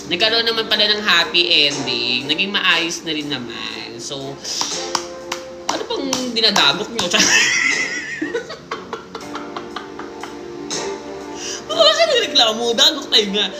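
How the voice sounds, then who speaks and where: A woman hosting a live stream, reading listener stories aloud in lively mixed Tagalog and English, with jokes and asides. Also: lowish voice, normal speed. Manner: animated storytelling, Taglish, jokes and asides. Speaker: livestream host. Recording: roomy sound with music playing behind.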